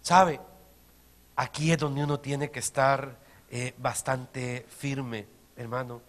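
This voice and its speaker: A man, a pastor preaching a sermon, swinging between quiet, close remarks and loud, emphatic repeated phrases. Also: mid-range voice, flat delivery, takes it slowly. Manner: dynamic preaching, swinging from soft to shouted emphasis.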